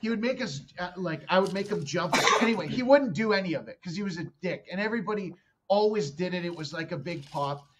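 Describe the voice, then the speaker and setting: This podcast guest, a thirty-something comedian from Canada, has a fairly high, fairly bright voice recorded with the highs cut off. His long story rambles along with swearing and sentences he abandons halfway.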